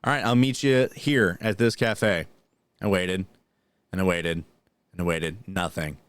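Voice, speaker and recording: A man's voice: low-pitched, fairly even intonation, unhurried, dry recording. Podcast guy rambling and swearing, lots of restarts and ums, dry close sound. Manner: rambling, profane, with many restarts and fillers. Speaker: podcast co-host. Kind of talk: casual storytelling chat, then reading news items.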